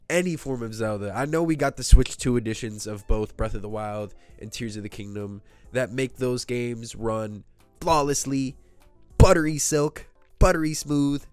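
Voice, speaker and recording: On his gaming channel, a man with a cold-stuffed nose speculates casually to camera, rambling, mocking himself and throwing in jokey asides. His mid-range voice comes through a desk microphone clean and dry.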